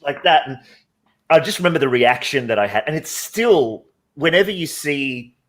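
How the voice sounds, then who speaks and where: A man's voice: a little high, lively intonation, normal speed. Rambling man chatting on a call. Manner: rambling, conversational storytelling. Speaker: guest artist. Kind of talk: casual chat on a video call.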